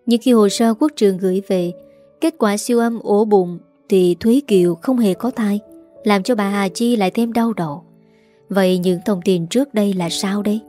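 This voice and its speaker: A woman's voice: mid-range voice, warm tone. A woman reading a serialized drama story aloud, voicing every character in her own voice. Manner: reads every character herself with small voice shifts.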